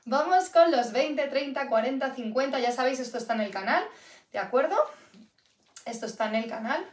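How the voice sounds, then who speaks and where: A fairly high-voiced woman teaching an English class in a live stream, chatty and lively, repeating each word slowly for her learners. She is from Canada. Her voice rings in an echoey room. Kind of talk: live online English lesson.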